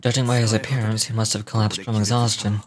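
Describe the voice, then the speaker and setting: An actor playing a calm, learned gentleman investigator in a game, speaking in a measured, grave, formal way. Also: fairly low pitch, crowd noise, natural voice. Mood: grave, composed. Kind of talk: game voice acting.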